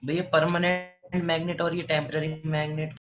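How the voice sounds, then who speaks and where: A man's voice: fairly high pitch, level tone, a little fast, fairly bright tone, faint music behind. A male student on an online class, apologetic, explaining why he missed a lesson.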